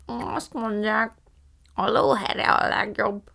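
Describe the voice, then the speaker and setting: A woman voicing an absent-minded elderly great-aunt who muses slowly. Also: a little high, big pitch swings, vocal fry, sharp tone, pitched above the performer's own voice, full character voice. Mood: musing. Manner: slow, musing, off-topic remarks.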